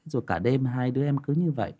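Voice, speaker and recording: A man's voice: mid-range voice, fast, husky. A man telling a personal story in casual talk, acting out both sides of a conversation. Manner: acts out both sides of a conversation, rising sharply when excited. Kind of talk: casual spoken storytelling to listeners.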